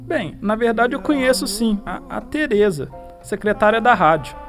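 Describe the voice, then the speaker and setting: An actor playing an anxious, devoted young son in a radio drama. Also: male voice, high voice, expressive, moderate pace, a bit bright, soft background music. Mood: caring, earnest.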